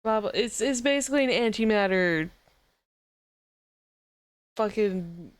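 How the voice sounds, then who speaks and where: A woman streamer giving casual gaming commentary, swearing freely and reacting with excitable disbelief. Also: mid-range voice, unhurried, smooth, no room sound.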